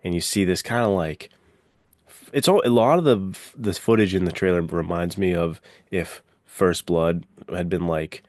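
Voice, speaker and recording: A podcast host chats casually and enthusiastically about films in very informal, slangy speech, scattering "like" and "dude" throughout. His low voice moves at normal speed with a darkish tone, and the recording is dry and studio-clean.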